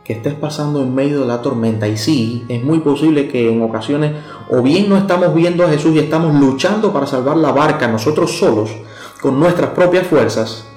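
A male preacher gives a short sermon in a conversational tone, speaking directly to the listener and asking them questions. His voice sits a little high for a man. The room is echoey, with soft instrumental music playing underneath. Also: brisk.

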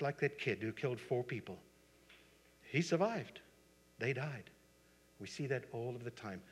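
A male pastor preaching a sermon, telling stories emphatically and swinging from soft to loud. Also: mid-range voice. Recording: husky voice in long hall reverb.

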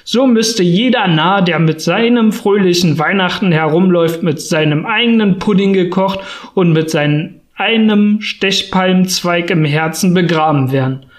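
A man reading an audiobook, voicing a miserly, grumpy old man who talks in gruff, curt grumbles. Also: sits high, measured pace. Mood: grumbling.

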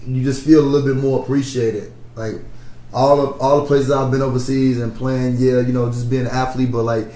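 A man's voice: mid-range voice, flat delivery, brisk, warm tone. A man who is an athlete and a guest on a talk show, chatting animatedly and repeating words while he finds his thought. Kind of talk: casual chat. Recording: echoey room.

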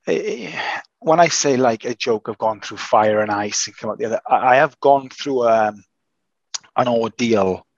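A man of middle pitch hosts a casual chat, talking slowly through a long recovery story with frequent false starts. His voice sounds a little altered by the illness. The recording is dry and somewhat dull. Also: creaky, dry recording. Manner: hesitant, halting with many restarts. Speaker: podcast host.

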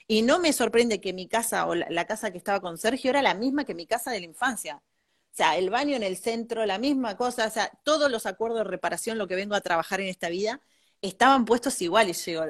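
A young woman with an Argentine accent, a guest architect chatting casually and rambling, laughing often. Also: medium pitch. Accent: Argentine Spanish. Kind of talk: casual interview chat.

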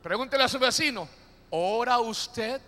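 High-pitched man preaching in a reverberant hall. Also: expressive, pushed and bright. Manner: call-and-response, drawn-out emphatic phrases, playful asides. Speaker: pastor. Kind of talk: sermon. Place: church.

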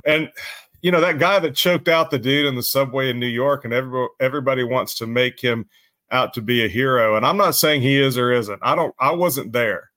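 A man's voice: medium pitch, a little fast, sharp tone, no echo. A man co-hosting a casual talk stream, rambling with lots of fillers and profanity. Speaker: co-host. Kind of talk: casual chat.

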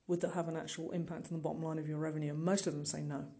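Speaking very fast in a warm, mid-range voice with little pitch movement, this middle-aged podcaster and online marketing business owner addresses listeners directly. The solo monologue is informal, earnest, and emphatic.

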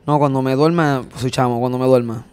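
A man tells a story in a relaxed chat. He is lively and animated and acts scenes out with little sound effects. His voice sits at an ordinary middle pitch. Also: fairly quick, clean tone.

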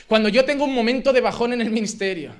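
A man's voice: very high voice, fast talker. A man pastor with a Spanish accent from Spain, preaching an impassioned, emphatic sermon full of repeated phrases.

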